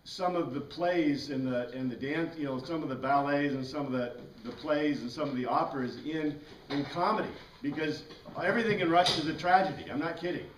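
The distant camera catches a middle-aged American teacher lecturing casually, rambling and putting questions to his class. His voice is a little high and brisk with few pauses, and the small whiteboard-and-bookshelf classroom sounds echoey with background noise.

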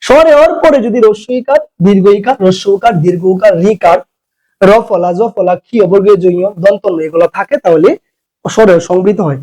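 High-voiced man teaching exam prep. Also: brisk, warm tone, poor audio. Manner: coaxing, calls students "baba", repeats rules.

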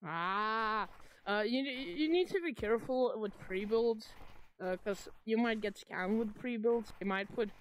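A woman's voice: a little high, unhurried, a little hiss or hum. A woman livestreaming and chatting casually, bragging and swearing while teasing a friend. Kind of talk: casual gaming stream chat.

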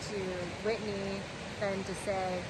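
A woman's voice: mid-range voice, little pitch movement, slow pace, noisy background. A young woman vlogging a hike, talking easygoing into a phone held at arm's length. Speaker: hiking vlogger. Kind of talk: casual vlog chat. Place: outdoors on a mountain trail, later indoors.

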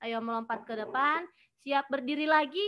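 High-pitched woman coaching gym class. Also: moderate pace, bright, forceful tone. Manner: encouraging gym-coach instruction, short commands and counts. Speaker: physical education teacher of young children, coaching like a gym coach. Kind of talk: live online gym class with counted exercise cues. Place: video call, indoors.

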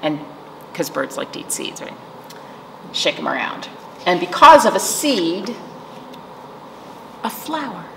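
Her lowish, gravelly voice is sing-song, pushed and bright, and she takes her time, pausing often. She's a middle-aged woman working as a children's librarian, hosting a virtual storytime of rhymes and read-aloud where she explains simply and checks in with the young children through questions. Seated in a small indoor library room, she's recorded with echo and background noise.

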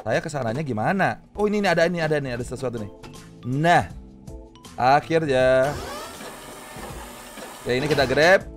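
Over game music, a young gamer and video host delivers casual gameplay commentary in a medium-pitched voice, at a moderate pace with frequent pauses. His remarks are playful, exclamatory and full of slang, and he tends to say things twice.

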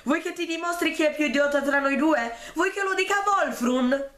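Man voicing a stocky teen boy, touchy, shrill, defensive, audiobook reading. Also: big pitch swings, normal speed, fairly bright tone, reverberant, full character voice. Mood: indignant.

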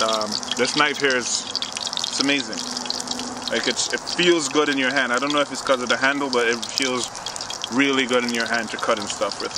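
Relaxed man talking outdoors on a distant camera. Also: mid-range voice. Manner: relaxed, chatty, addresses viewers directly. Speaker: outdoor cooking vlogger. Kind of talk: casual demo talk. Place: outdoors in winter woods. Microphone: chest-mounted action camera. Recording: distant outdoor camera mic with wind noise.

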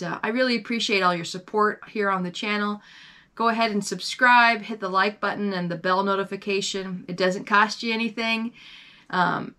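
A woman's voice: mid-range voice, bright, forceful tone. A woman hosting her own reselling vlog, chatting casually and rambling with fillers and self-corrections. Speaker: online reseller and channel host.

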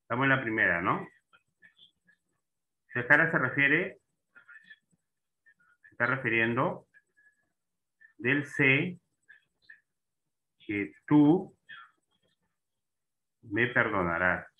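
Male teacher, mid-pitched voice, prompting students over tinny video-call audio. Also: lively intonation, slow pace, long pauses. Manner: checks in often with students, asking and prompting. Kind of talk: online class on Spanish accent marks.

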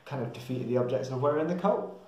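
Warm-toned and animated, a young Englishman talks at a quick pace to his camera, rambling and hesitating as he thinks out loud for a travel vlog. His voice is mid-range. The small tiled room he's in is very echoey.

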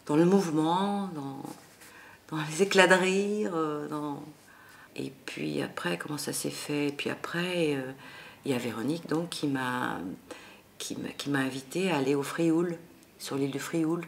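An actress with a Southern French accent, telling lively anecdotes in an interview with many restarts. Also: female voice, low voice, gravelly, a little hiss or hum. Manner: lively, expressive storytelling with frequent restarts.

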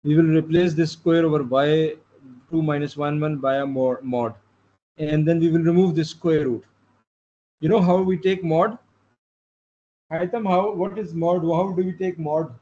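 A man's voice: fairly high pitch, fairly even intonation, a little slow, warm tone. A man lecturing patiently on programming, with many fillers and restarts, recorded with dull lo-fi sound. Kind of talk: live online lecture. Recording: dull lo-fi sound with faint noise.

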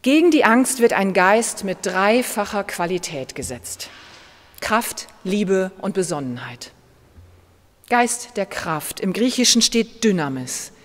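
A woman pastor with a German accent, preaching a sermon in a slow, measured way with gentle emphasis. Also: mid-range voice, animated. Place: church. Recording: long church reverb.

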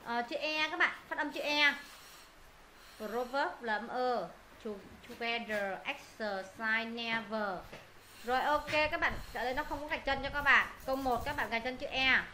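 A woman's voice: fairly high pitch, unhurried, pushed and bright. A woman teaching English pronunciation to students, repeating words and quizzing them on the answers. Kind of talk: live pronunciation lesson to students. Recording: echoey room, faint noise.

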